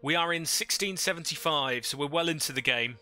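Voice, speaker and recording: Male streamer, headset mic livestream audio, bright forceful tone, fairly high voice, faint music under him, chatty and thinking aloud. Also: brisk. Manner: thinks aloud, chats with viewers. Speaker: livestreamer playing a strategy game. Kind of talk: casual live gameplay commentary.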